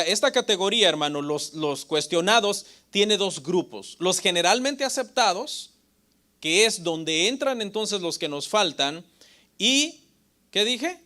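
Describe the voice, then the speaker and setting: Bright-voiced pastor teaching a Bible class. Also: male voice, a little high. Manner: asks the audience questions and answers them himself; often adds "hermano" and "ok?".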